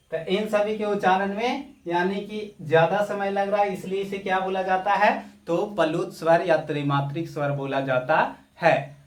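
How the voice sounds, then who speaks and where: A man teaching Hindi grammar for board exams, asking questions and answering them himself, drawing out vowels to demonstrate them. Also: high voice. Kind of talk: board-exam grammar lesson. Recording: echoey room, voice from a distance.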